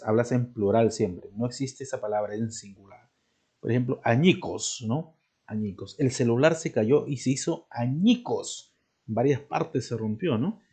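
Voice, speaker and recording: A man's voice: medium pitch, darkish tone, husky. A male teacher giving a recorded grammar lesson, explaining step by step and checking in with his students.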